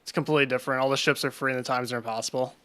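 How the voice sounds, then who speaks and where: A man's voice: medium pitch, steady tone, rapid-fire, sharp tone, smooth, faint music behind. A man giving casual live-stream commentary while playing, chatting with his viewers between attempts. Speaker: gaming streamer.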